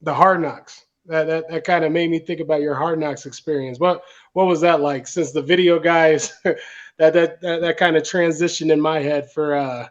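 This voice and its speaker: A man hosting a podcast, asking a question haltingly and repeating words as he gets it out. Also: on the high side, fairly even intonation, lo-fi sound. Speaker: podcast host. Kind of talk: casual interview questions.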